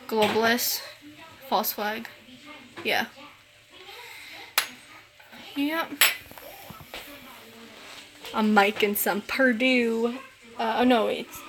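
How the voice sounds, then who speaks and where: A woman's voice: fairly high pitch, vocal fry. Rambling, chatty young woman streaming live. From New England. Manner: rambling, chatty, with many fillers and swearing outbursts. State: tired. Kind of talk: casual live-stream chat.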